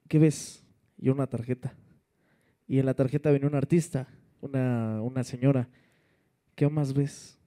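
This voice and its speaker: A man's voice: medium pitch, mellow. A man, a DJ and announcer, telling stories in a casual interview and acting out quoted dialogue. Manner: storytelling, acts out quoted dialogue. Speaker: sound system DJ and announcer.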